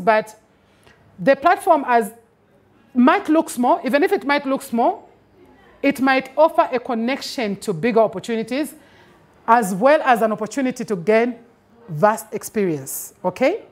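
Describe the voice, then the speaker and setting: A woman's voice: a little high, lively intonation, normal speed. Zambian woman teaching with emphatic "okay?" checks. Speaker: film industry master class speaker. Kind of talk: instructive talk to an audience. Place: bright indoor studio with banner backdrop.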